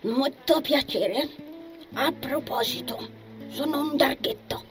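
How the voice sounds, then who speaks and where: A woman voicing a child's plush toy dog in a rough, forced little voice, slow and deliberate, for a storybook reading. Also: high voice, over music, voice pushed up. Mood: playful.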